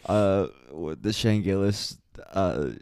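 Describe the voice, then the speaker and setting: A man's voice: low-pitched, slow pace, darkish tone, clear, resonant tone, no room sound, clean studio sound. A young man co-hosting a podcast in casual crude chat, laughing often and rambling with fillers. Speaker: podcast co-host.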